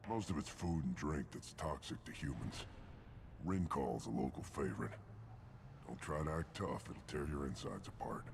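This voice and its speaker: A man voicing a surly alien brute in a video game, gruff and curt, with a deep gravelly voice. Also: normal speed, a little hiss or hum. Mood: grudging, dry. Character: surly alien brute, grudging toward human customers. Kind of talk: scripted video game dialogue.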